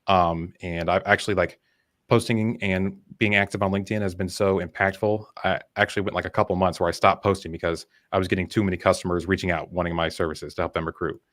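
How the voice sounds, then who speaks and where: A man's voice: low voice, steady tone, fast, a bit bright, no echo, clean studio sound. A young man as a podcast guest, telling candid, self-deprecating stories in a casual interview. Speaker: podcast guest, business founder.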